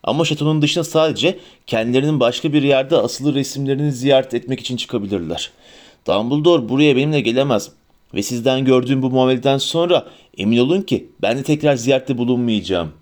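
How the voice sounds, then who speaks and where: A man's voice: mid-range voice, brisk, a little mellow, lightly acted. A man voicing a haughty, disdainful old male portrait headmaster in an audiobook reading.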